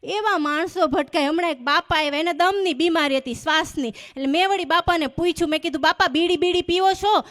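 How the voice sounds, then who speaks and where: A high-pitched woman performs stand-up comedy on a stage. She tells animated stories and acts out the voices of the people in them. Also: fairly quick, hardly any pauses. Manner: animated storyteller acting out dialogue. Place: stage before a live audience.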